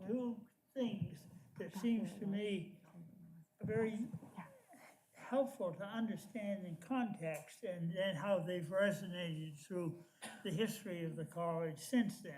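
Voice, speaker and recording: An older woman, a professor, giving an informal talk through a face mask in a deliberate, halting way with pauses between short phrases. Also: medium pitch, a little mellow, a little hiss or hum, low-quality recording. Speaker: professor, panel speaker. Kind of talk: informal lecture from memory.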